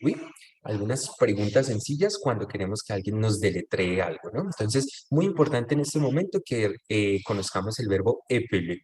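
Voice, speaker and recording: Guy teaching french online, lowish voice, patient, keeps checking everyone's following. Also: lively intonation, moderate pace, darkish tone, slightly rough. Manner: patient, often checks understanding with tag questions; mixes French phrases with Spanish explanations. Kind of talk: online class, explaining and prompting students. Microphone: video call.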